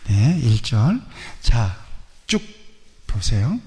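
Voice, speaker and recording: A male pastor giving an earnest sermon, questioning the congregation and slowing down when he reads scripture. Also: mid-range voice, sing-song, mellow. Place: church sanctuary. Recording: long reverb of a church hall.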